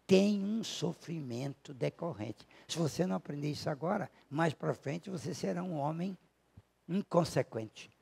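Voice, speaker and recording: A man with a Brazilian accent giving a spiritual lecture, telling a personal story, acting out the dialogue and slowing down to stress key words. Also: a little high, gravelly, breathy edge. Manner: storytelling, acting out dialogue with big shifts in loudness. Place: lecture hall at a spiritist center.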